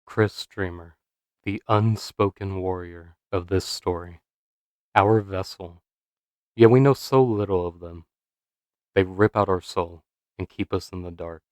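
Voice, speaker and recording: Low voiced guy reading his video essay script, slow dramatic questions, dry sound. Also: no echo. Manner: measured, dramatic delivery with rhetorical questions. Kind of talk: scripted narration.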